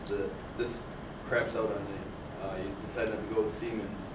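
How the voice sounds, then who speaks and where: A man, a student asking a halting question in class. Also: lowish voice, level tone. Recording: distant echoey classroom, noisy.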